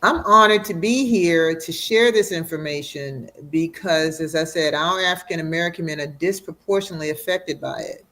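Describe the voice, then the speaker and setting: A doctor patiently explaining. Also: female voice, low-pitched. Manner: warm, explanatory, slows for emphasis. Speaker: radiation oncologist guest. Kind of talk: educational interview.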